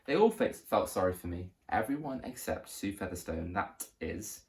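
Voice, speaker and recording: A man reading a children's story aloud as narrator, with lively, expressive storytelling. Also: sits low, moderate pace.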